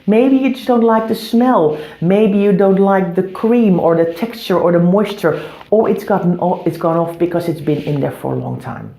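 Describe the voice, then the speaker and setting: Speaking at a normal pace, this home organising host has a lowish voice that is creaky and warm. She offers instructional tips to camera from inside a bathroom that echoes throughout the recording.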